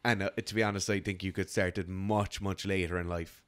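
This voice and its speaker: Blunt, low-voiced Irish coach. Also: male voice, flat delivery, a little fast, fairly bright tone, no echo. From Ireland. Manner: blunt, swears, mocks in put-on voices. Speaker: strength coach and podcast co-host. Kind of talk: casual podcast chat.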